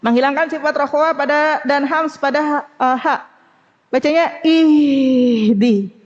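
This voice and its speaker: A woman from Indonesia teaching Quran recitation in a study class, explaining fast and then sounding out Arabic letters slowly. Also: high voice, steady tone, big-room sound, highs cut off.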